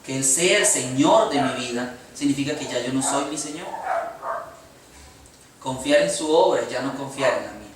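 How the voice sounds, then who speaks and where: A man's voice: medium pitch, moderate pace, noisy background. A man with a Costa Rican accent preaching a sermon as pastor, earnestly posing rhetorical questions to the congregation. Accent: Costa Rican Spanish. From Costa Rica. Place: church sanctuary. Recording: echoey church hall from far off.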